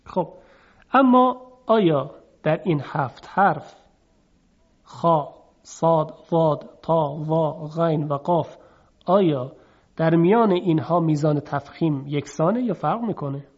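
In a dull lo-fi recording, a man with a fairly high voice teaches a lesson on Quranic recitation. He explains step by step, asks and answers his own questions, and chants example sounds slowly.

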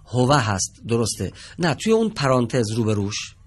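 A male teacher leads a televised reading lesson from a studio. His pitch rises and falls a great deal as he speaks. He talks patiently, quizzing his students and echoing back their answers. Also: sing-song. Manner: patient, asks questions and repeats answers.

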